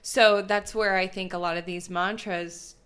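A woman's voice: medium pitch, steady tone, unhurried, fairly bright tone, clean tone. Upbeat woman podcast host. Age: 30s. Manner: upbeat, encouraging. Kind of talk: casual podcast interview.

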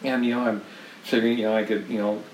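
A man's voice: lowish voice, flat delivery, quick pace, far from the mic, slight background noise. A man telling stories in a casual, rambling way, with many restarts and laughs. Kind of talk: casual storytelling. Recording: roomy and from off-mic.

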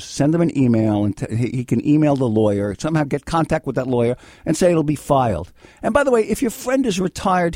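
A man's voice: fairly high pitch, dark tone, no room sound, clean studio sound. A middle-aged American man hosting live legal advice radio, talking bluntly and repeating himself in an exasperated, scolding way. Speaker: radio host and lawyer giving call-in legal advice. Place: radio studio.

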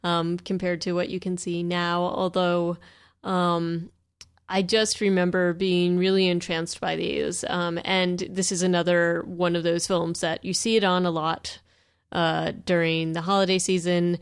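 Smooth-voiced relaxed female podcast co-host. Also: on the low side, a little slow, dry recording, studio quality. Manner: relaxed and talkative, with many fillers. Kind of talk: casual chat.

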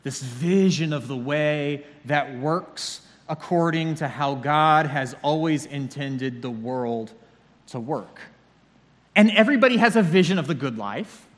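A man preaching to a congregation in a relaxed, conversational way, slipping in dry jokes as he goes. His voice sits a little high for a man, and it rings out with the long reverb of a large church hall. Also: a little slow. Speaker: pastor. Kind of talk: sermon.

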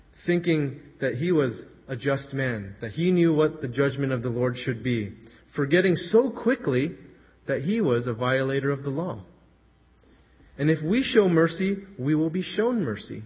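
A man's voice: medium pitch, expressive, measured pace, darkish tone, slightly rough. A man preaching a sermon, retelling a story in an earnest, conversational way and quoting the people in it. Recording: long hall reverb.

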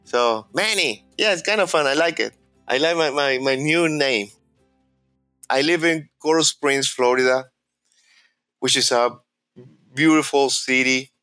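A man with a Venezuelan Spanish accent and Spanish as his first language tells his own story in a reflective, halting way, often repeating words as he searches for them. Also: mid-range voice, sharp tone, dry recording, soft background music. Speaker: interviewee. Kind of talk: personal storytelling.

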